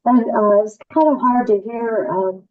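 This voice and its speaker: A woman's voice: on the high side, steady tone, unhurried. A woman calling in to a public meeting over a muffled remote call audio line, chatty and friendly, checking that she can be heard. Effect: muffled remote call audio, like a headset mic. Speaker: online public commenter.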